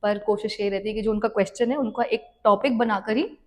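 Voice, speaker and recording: In a relaxed podcast interview, a young devotional content creator shares her story thoughtfully and without hurry, blending English words into her Hindi. Her mid-range voice stays steady and has a darkish tone.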